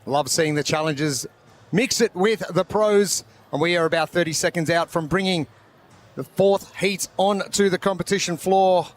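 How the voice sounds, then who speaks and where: High-voiced male sports commentator. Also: moderate pace. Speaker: sports commentator, lead host.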